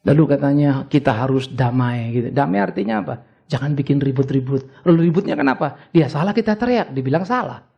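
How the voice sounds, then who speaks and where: A man's voice: a little high, animated, fairly quick, creaky, highs cut off. An older man preaching a sermon as pastor, conversational at times and then rising into urgent exhortation. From Indonesia.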